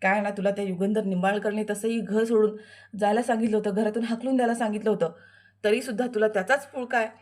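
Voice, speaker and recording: A woman's voice: mid-range voice, fairly even intonation, fast, darkish tone, close to an everyday voice. A woman voicing a scheming male villain in a television serial recap, reading his lines coldly and spitefully. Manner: cold and spiteful. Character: scheming villainous man bent on revenge.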